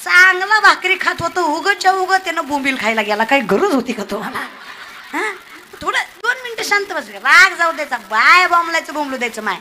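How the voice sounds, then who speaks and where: A woman's voice: very high voice, a little fast, a little hiss or hum. A woman preaching a humorous devotional sermon on a stage, teasing her listeners and acting out the people in her tales. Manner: lively, teasing the audience, acts out characters in the tale. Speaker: kirtan preacher.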